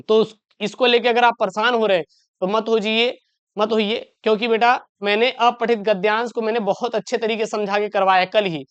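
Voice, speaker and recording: A male teacher with a Hindi-speaking north Indian accent guides students through exam answers in a steady, reassuring way. His voice is smooth and clear, and it comes through a slightly dull, lo-fi recording. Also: high-pitched. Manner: addresses students as beta, reassuring. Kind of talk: exam-prep lesson. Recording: dull lo-fi sound.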